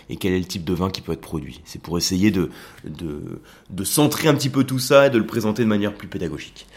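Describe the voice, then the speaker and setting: A man's voice: lowish voice, darkish tone. A man hosting an educational wine podcast, explaining at length in a casual, hesitant way with many fillers.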